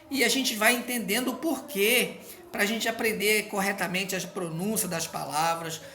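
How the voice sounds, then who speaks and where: Slow, bright-voiced man teaching. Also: high-pitched, a little hiss or hum. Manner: patient, checks in often with the learner. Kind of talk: recorded grammar lesson. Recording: roomy echo.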